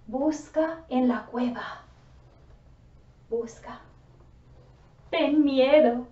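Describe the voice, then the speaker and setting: A woman teacher giving slow, deliberate spoken commands in a vocabulary lesson, theatrical at times with gasps and whispers. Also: high-pitched, mellow. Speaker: language teacher. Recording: roomy, distant, dull sound.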